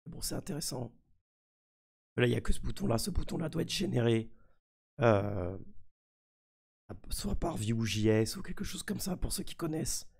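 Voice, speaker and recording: Husky, creaky-voiced man. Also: medium pitch, animated, moderate pace, pauses often, darkish tone. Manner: mischievous, trolling his community. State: sick. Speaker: streamer presenting a crypto NFT project. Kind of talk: casual live screen commentary.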